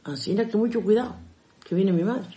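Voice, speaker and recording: A woman's voice: medium pitch, brisk, warm tone. An older woman casually telling stories from her youth, chatty and homely, addressing her listeners directly. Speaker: storyteller. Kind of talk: casual storytelling of memories. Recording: roomy echo.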